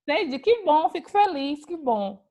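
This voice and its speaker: A woman's voice: sits high, very animated, moderate pace, dark tone. A woman teaching an online class, calling on students by name and praising their answers. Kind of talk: online class on a video call.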